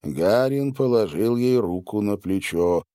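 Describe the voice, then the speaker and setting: Low-voiced male audiobook narrator. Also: smooth, dry recording, clean studio sound. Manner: measured, expressive reading. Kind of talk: scripted narration.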